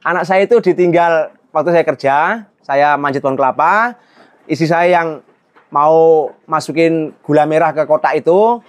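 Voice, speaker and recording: A man's voice: a little high, fairly even intonation, normal speed. A middle-aged man, earnestly telling his life story in an interview, often adding a polite "Pak". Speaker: goat farmer and trader.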